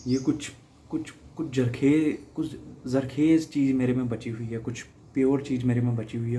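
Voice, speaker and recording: Mellow-voiced young man telling a story. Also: mid-range voice, slight background noise. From Haryana, India. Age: young adult. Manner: reflective, conversational, with small laughs and restarts. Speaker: guest reader sharing a personal story. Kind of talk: casual personal storytelling.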